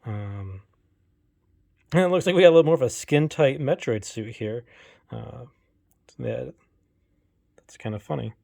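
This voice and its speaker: A man's voice: mid-range voice, a little slow, gravelly, long pauses, a little mellow. A man in his thirties chatting casually to camera while unboxing collectibles, full of fillers and self-deprecating jokes, filming on a handheld phone at home. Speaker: collector vlogger. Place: home game room. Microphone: phone camera held in one hand.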